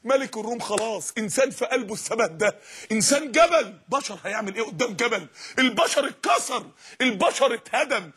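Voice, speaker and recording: An Egyptian man preaching an impassioned sermon, shouting repeated refrains. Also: extremely high pitch, lively intonation, quick pace, breathy edge.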